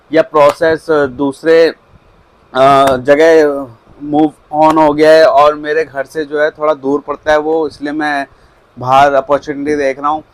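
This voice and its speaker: A man's voice: on the high side, dry recording, poor audio. A man casually coaching viewers on how to handle job interviews, often checking in with them as he goes. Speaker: career advice vlogger. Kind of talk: casual instructional talk.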